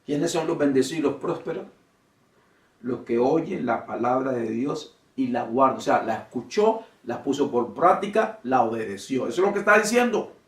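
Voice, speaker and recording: A man preaching a sermon and addressing the congregation as brothers and sisters, swinging between emphatic, rising swells and quiet drops. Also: medium pitch, animated, moderate pace, roomy sound, recorded from a distance. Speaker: pastor.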